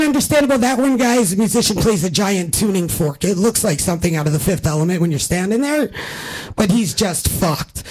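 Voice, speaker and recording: A man with a noticeably high voice tells a rambling, profanity-laced story as a stand-up comic. His delivery is animated. It is performed live at a house comedy show. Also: rough recording.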